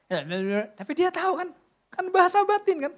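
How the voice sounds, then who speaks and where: A woman's voice: very high voice, fairly quick. A middle-aged woman preaching a sermon at a church service, chatty and joking, with many rhetorical questions.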